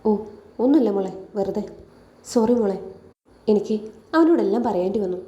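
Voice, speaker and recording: A woman voicing a gentle, apologetic middle-aged father who talks in a quiet way in an echoey room. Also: mid-range voice, animated, normal speed, highs cut off, lightly acted. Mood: subdued.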